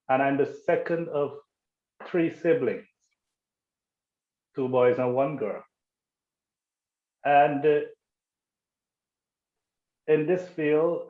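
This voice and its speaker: Guyanese pandit guy, humble n formal, slow talker, echoey tinny call audio. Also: medium pitch. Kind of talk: formal interview answers.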